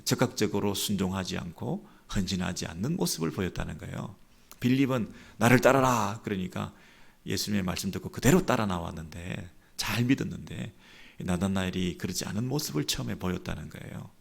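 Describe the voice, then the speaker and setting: A male pastor delivers a dawn sermon, reading scripture aloud and then retelling it as lively spoken dialogue. His voice sits low and carries a gravelly rasp, and he swings from quiet asides to loud, raised-pitch quotations. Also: brisk. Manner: acts out quoted dialogue with lively shifts in pitch and loudness. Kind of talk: sermon at a dawn prayer service.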